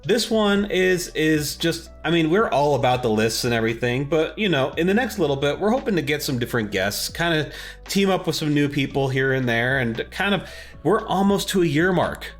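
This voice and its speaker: A man's slightly high voice, with big pitch swings and a moderate pace, carries his enthusiastic, slangy chat as a podcast co-host; he records remotely, separate from his co-host, over background music.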